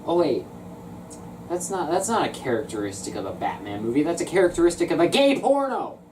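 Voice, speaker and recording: A woman with a very low voice reviews a film in a loose, joking way, her pitch swinging widely as she talks. Her tone turns sarcastic. She sounds set back from the microphone, with clear background noise around her. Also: big pitch swings, brisk, darkish tone. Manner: sarcastic, bursts into shrieking laughter. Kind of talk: casual comedic movie review. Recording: distant mic with noisy background.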